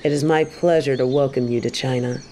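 Roleplay audio: composed female tiger martial arts master, acted by a woman, stern yet warm-hearted, dark mellow tone, slight background ambience. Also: extremely low pitch, steady tone, a little hiss or hum. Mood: calm, formal. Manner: measured, composed, speaking directly to the listener. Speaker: voice actor in a fan roleplay audio. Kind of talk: scripted roleplay addressed to the listener.

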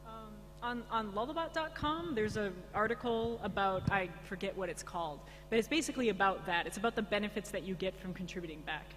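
A woman's voice: mid-range voice, a little fast, few pauses. A woman speaking informally on a conference panel in a large, echoing room, answering questions conversationally. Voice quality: echoey. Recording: echoey hall, humming background noise.

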